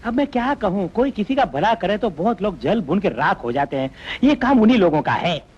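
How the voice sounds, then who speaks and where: An actor dubbing a comic, whiny middle-aged police constable who pleads and complains in a self-pitying way. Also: male voice, high-pitched, sing-song, a little fast, a little mellow, breathy edge, exaggerated voice. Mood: pleading. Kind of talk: Hindi film dubbing. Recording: dull lo-fi dubbed film audio.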